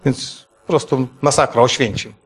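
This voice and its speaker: A middle-aged man preaching, telling an emotional testimony story to a congregation in an animated way. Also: mid-range voice, moderate pace, husky. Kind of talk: testimony sermon.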